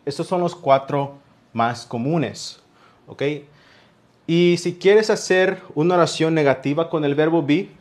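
Man, English teacher, unhurried, patient, repeats each example. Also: fairly high pitch, darkish tone. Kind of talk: beginner English lesson explained in Spanish.

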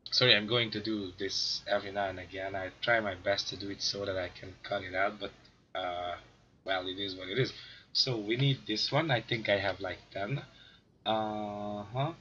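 A man with a cold, hoarse and raspy, rambling through casual gameplay commentary as a gaming video host and clearing his throat now and then. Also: lowish voice, pushed and bright, lo-fi sound, slight background noise. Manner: rambling, self-mocking, clears throat often.

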